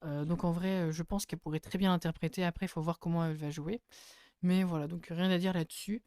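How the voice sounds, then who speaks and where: A man giving casual spoken commentary as a YouTuber reviewing casting photos, hesitant with many fillers and sudden bursts of excitement. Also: on the high side, fast talker, clear, resonant tone, no room sound, clean studio sound.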